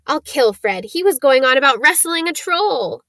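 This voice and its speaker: A woman's voice: high voice, expressive, moderate pace, no room sound, clean studio sound, voice pushed up. A woman playing a nervous whispering schoolboy. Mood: nervous, grumbling. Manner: hushed whispering complaint. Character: nervous eleven-year-old schoolboy, grumbling.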